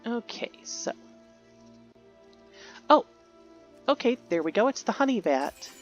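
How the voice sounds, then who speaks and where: A woman's voice: on the high side, sing-song, slow pace, muffled recording, faint music behind. A woman giving casual, rambling commentary while playing a video game, musing aloud and correcting herself. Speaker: gaming youtuber.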